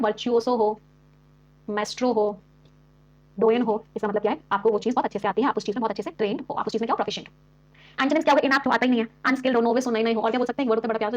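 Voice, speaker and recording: Rapid-fire woman teacher quizzing her class. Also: on the high side, darkish tone. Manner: quizzes students with quick rhetorical questions; mixes Hindi explanations with English terms. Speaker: English teacher. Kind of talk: exam-prep vocabulary lesson. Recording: dull lo-fi recording.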